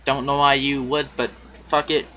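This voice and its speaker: A man telling a story in a casual vlog, offhand and full of swearing, often clearing his throat. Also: medium pitch, level tone, normal speed, sharp tone, a little hiss or hum. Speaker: YouTuber.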